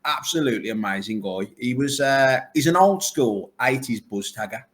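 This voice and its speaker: A man's voice: medium pitch, lively intonation, moderate pace. A man, an arcade owner chatting enthusiastically and at length in a casual interview. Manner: enthusiastic, rambling, full of superlatives.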